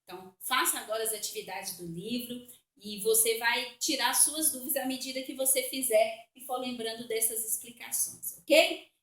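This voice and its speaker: A Brazilian woman teacher with a bright, high voice gives a spelling lesson for children. She is patient, goes slowly and repeats each word to explain it. The room around her is echoey. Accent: Brazilian Portuguese.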